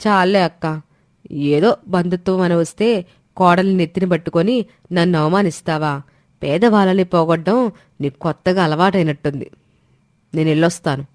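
A woman's voice: fairly low pitch, moderate pace, pauses often, darkish tone, no echo, clean studio sound, lightly acted. A woman voicing a proud, wealthy middle-aged woman who taunts and mocks sarcastically. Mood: offended. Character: proud rich middle-aged woman, the sharp-tongued younger sister.

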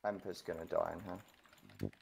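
A man's voice: low voice, very animated, moderate pace, gravelly, crowd noise. A man calling orders to his team over game voice chat, directing the raid. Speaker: raid leader in an online game.

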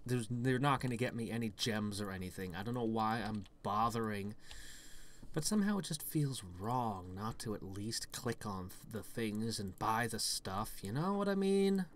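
A man's voice: lowish voice, a bit bright. A man giving let's-play commentary, thinking aloud in a rambling way with dry, self-mocking humour. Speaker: gaming channel host.

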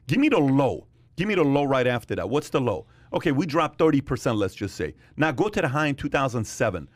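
A man in his forties hosts a studio podcast, pressing each point by saying it again and again. His voice sits in a middle pitch. The sound is dry and close, with no room echo. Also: sing-song, brisk. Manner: emphatic, repeats phrases, talks with his hands. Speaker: podcast host. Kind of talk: animated casual discussion. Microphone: studio mic on boom arm, wearing headphones.

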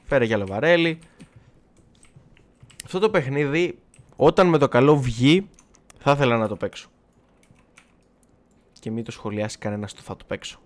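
Man, gaming livestreamer, casual and chatty, self-mocking, swears, mid pitch. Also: expressive, long pauses. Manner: chatty, self-mocking, swears, talks back to chat and the game. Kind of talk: casual live gameplay chat.

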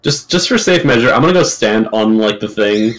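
Guy w a lowish voice, mic volume all over the place, loud then soft, kinda stumbling over his words while he plays. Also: lively intonation, fairly quick. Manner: hesitant, searching for words. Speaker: tabletop game player. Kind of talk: casual play over voice chat.

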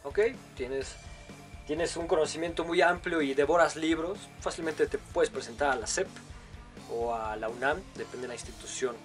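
A young man from Mexico with a Mexican accent talks over a clip in a loose, crude, joking way. His voice sits a little high, with faint music behind him. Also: moderate pace. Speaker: video commentator. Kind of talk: casual reaction commentary.

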